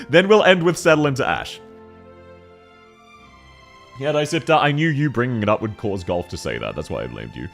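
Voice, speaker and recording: Lively deep-voiced male streamer. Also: moderate pace, gravelly, pauses often, faint music behind. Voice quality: deep, soothing normal voice. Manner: excitable, lively, laughs often, greets chat. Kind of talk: casual live-stream chat.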